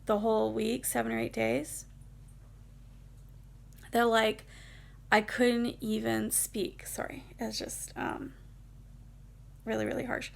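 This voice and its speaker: A woman's voice: a little high, little pitch movement, takes it slowly, vocal fry, pauses often. A woman vlogger telling a personal story in a casual, rambling, emotional way, with many fillers.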